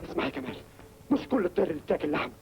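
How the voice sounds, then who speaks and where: A man's voice: high-pitched, animated, racing, vocal fry, a little mellow, slight background noise. An actor with an Egyptian accent playing an earnest, jealous young man in a 1950s film. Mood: reproachful. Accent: Egyptian Arabic. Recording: dull 1950s film soundtrack with music.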